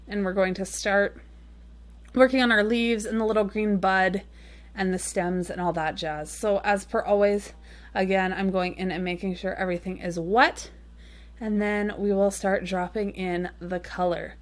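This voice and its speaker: A woman's voice: mid-range voice, fairly even intonation, moderate pace. Chatty woman narrating a painting tutorial. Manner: chatty and rambling, with frequent ums and small laughs; apologetic asides. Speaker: watercolor card-making tutorial host. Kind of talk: casual voice-over painting tutorial.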